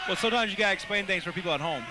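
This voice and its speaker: A man's voice: sits high, rapid-fire, crowd noise. A man giving opinionated, argumentative wrestling color commentary in a conversational way over arena noise. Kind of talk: conversational live sports commentary. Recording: noisy live wrestling event.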